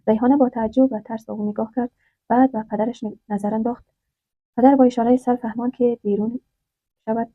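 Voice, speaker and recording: A woman's voice: on the high side, dry recording. Woman narrating with a tinny sound. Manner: steady, dramatic storytelling. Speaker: storyteller. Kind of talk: scripted story narration. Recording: dry, tinny phone-like sound.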